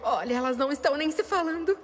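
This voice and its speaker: A woman's voice: sits high, a little hiss or hum. A woman with a Brazilian accent voicing a gleeful, mischievous female cartoon troublemaker who loves chaos, sly and gloating. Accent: Brazilian Portuguese. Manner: sly, gloating, drawn-out delivery. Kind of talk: animated cartoon dubbing. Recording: music behind the voice.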